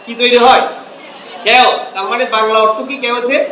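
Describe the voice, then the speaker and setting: A man's voice: very high voice, fairly even intonation, normal speed, pushed and bright. A man teaching an English lesson in class, switching between Bengali and English and asking questions that he then answers himself. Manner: asks questions and answers them himself, repeats phrases. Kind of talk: classroom lecture. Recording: echoey room, distant mic, faint background noise.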